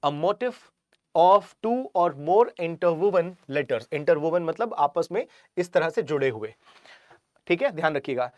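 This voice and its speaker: Male vocab teacher, slightly high voice, dry mic, slow English examples. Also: dry recording, muffled recording. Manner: explains in Hindi, reads English examples slowly. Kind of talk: online exam-prep vocabulary lesson.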